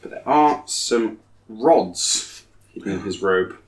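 A man's voice: fairly low pitch, lively intonation, slow. A man acting as game master, narrating a tabletop fantasy game. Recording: echoey room with faint noise.

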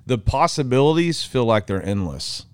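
A man's voice: mid-range voice, very animated, normal speed, clean tone, no echo, clean studio sound. A middle-aged man co-hosting a casual marketing chat, rambling and joking about himself. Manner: rambling, self-deprecating, jokey. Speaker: podcast co-host. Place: Texas marketing office.

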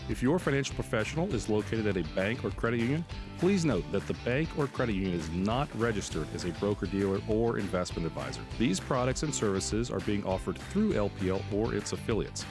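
An American man reads a scripted legal disclaimer as an announcer, reciting the fine print formally and without a break. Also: on the low side. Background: guitar music.

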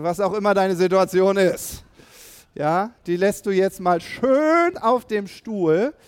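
A man preaching a sermon as pastor to a congregation, animated and acting out scenes in voices, rallying the listeners with call and response. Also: high-pitched, clean tone, no echo.

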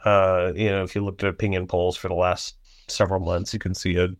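A man analysing foreign policy in a halting way, with many fillers and restarts. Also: deep voice, flat delivery, no room sound, clean studio sound. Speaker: panel guest analyst. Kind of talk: policy discussion.

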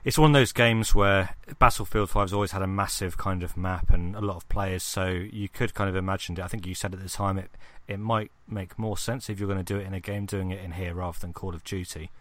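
Low-voiced man hosting a gaming chat. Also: steady tone, brisk, hardly any pauses, fairly bright tone, no room sound. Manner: rambling, many ums and restarts, asks his co-host questions. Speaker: podcast host.

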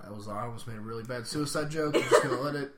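A man's voice: medium pitch, very fast, reverberant, heavy background noise. A man co-hosting a casual podcast chat, teasing and joking with his friends. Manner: teasing, jokey. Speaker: podcast co-host.

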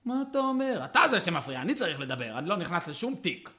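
A man's voice: sits high, sing-song, sharp tone, voice pushed up, heavily acted. A man voicing a stubborn, indignant male puppet professor in a ventriloquist act who waves off everything he is told. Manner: indignant, dismissive, clears throat a lot.

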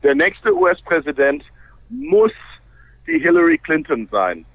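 A man's voice: mid-range voice, moderate pace, no echo. North American-accented man on a phone-like line. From Canada. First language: English. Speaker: interview guest, baseball player. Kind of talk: casual radio interview. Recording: narrow, phone-like radio sound.

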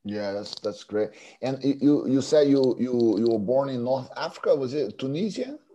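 A man's voice: medium pitch, lively intonation, normal speed, mellow, slight background noise. A man interviewing a guest in a friendly, chatty way, often laughing as he talks. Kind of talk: casual interview chat.

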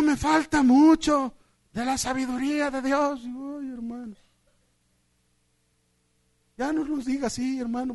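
A man with a Mexican accent preaches a sermon in a high, lively voice. He tells stories and acts out the voices of the people in them, going from loud, excited lines to quiet, hushed ones. The sound is dry and close, with no room echo. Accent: Mexican Spanish. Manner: animated storytelling, acting out voices, swinging from loud to hushed.

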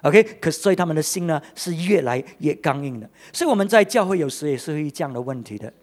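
A man preaching a sermon as a pastor, animated and exclaiming, swinging between loud bursts and quiet asides, often pausing on "OK" and fillers. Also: on the high side. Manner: peppers talk with "OK" and drawn-out fillers.

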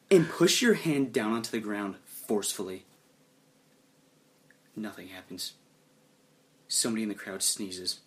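A man narrating a tabletop role-play game as game master, telling the story dramatically and dropping low and hushed for suspense. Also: a little slow, pauses often, slight background noise.

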